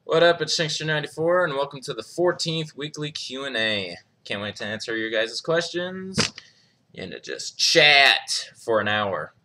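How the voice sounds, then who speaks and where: A young man hosts a live stream from his home setup, talking in an easygoing way and reading out the chat. His voice is bright and forward at a middle pitch, with frequent little laughs. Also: lively intonation, normal speed, a little hiss or hum. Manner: laid-back, chuckles often, reads chat aloud.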